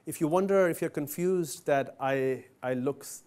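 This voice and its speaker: At a university event hall, a Pakistani company CEO in his forties gives students a conversational talk, putting questions directly to the audience. His voice sits fairly high, with a darkish tone and normal speed.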